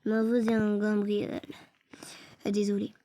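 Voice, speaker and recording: A woman's voice: medium pitch, completely flat delivery, a little slow, warm tone, a little hiss or hum. A young woman giving casual gameplay commentary, stammering, apologizing and often dropping into whispers. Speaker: gaming video creator.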